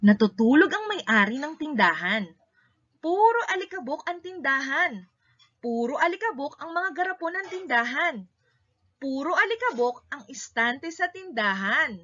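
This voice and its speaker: Reading a children's story aloud, a Filipino woman uses short, emphatic sentences in a high, very bright voice with big pitch swings, going a little slowly. The audio is somewhat dull and lo-fi.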